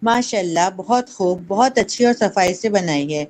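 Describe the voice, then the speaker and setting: A woman's voice: mid-range voice, animated, darkish tone, lightly acted, poor audio. A woman voicing a fussy aunt in a children's story, stern and exacting as she keeps correcting a girl's pronunciation. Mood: grudging. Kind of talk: reading a children's story aloud.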